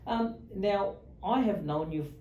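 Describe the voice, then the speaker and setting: A man hosts a relaxed interview, rambling amiably through fillers and restarts. His voice is mellow and his pitch sits in the middle. The room rings with echo, and he sounds a little distant from the mic. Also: unhurried, dull audio, slight background noise. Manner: friendly, talkative with frequent fillers and restarts. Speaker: host, lawyer. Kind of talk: interview chat. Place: office or meeting room in Australia.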